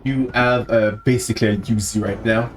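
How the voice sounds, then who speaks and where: A man chatting casually as a player in a tabletop game, animated and joking. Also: medium pitch, normal speed. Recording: faint guitar music behind the voice. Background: music.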